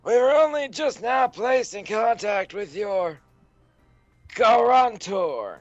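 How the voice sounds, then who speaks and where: A very high, slow old detective. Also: male voice, expressive, dry recording, highs cut off, soft background music. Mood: mock apologetic. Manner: slow, drawn-out old man voice. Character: plump elderly male detective, greasy and smug.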